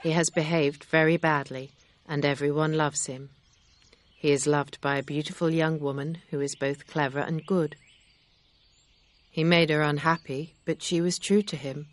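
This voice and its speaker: A woman voicing a calm, sincere gentleman. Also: sits low.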